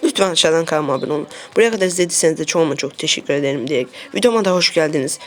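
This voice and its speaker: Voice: medium pitch, rapid-fire. A streamer giving casual commentary on a mobile shooter game, repeating short phrases and talking straight to the viewers. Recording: faint noise and clicks.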